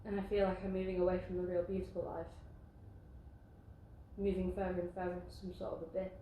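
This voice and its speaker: A woman acting a despairing young sister on stage, sighing and breaking into anguished shouts. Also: on the low side, level tone, quick pace, slight background noise, natural voice. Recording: distant, echoey stage with violin music.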